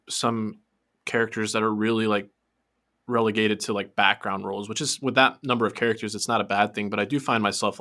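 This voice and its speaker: A man's voice: lowish voice, bright, forceful tone. A man co-hosting a podcast in casual chat, thoughtful and hesitant, with many fillers. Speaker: podcast co-host.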